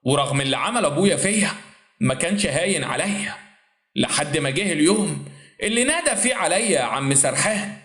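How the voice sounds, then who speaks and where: Egyptian male narrator, high voice with a lively, swooping delivery, for a dramatic audio story; echoey room. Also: fairly quick. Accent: Egyptian Arabic. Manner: emotional, repetitive dramatic narration.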